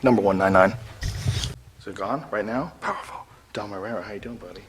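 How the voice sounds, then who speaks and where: A man in his forties hosting a casual backstage chat, loud and joking, swearing freely. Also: lowish voice, a little fast, big-room sound. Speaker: podcast host. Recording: faint background noise.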